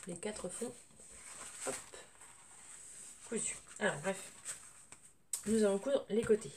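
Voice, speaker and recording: A woman hosting a casual sewing tutorial, her voice thick and odd from tonsillitis, hesitant and often clearing her throat, recorded on a camera without a separate microphone. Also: medium pitch, slow. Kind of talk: casual spoken craft tutorial. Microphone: camera's built-in microphone at a distance. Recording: noisy room sound without microphone.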